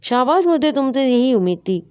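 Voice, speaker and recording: A woman's voice: sits high, big pitch swings, darkish tone, clear, resonant tone. A woman voicing a domineering feudal father who gives orders in a commanding, menacing way, on a dull lo-fi recording.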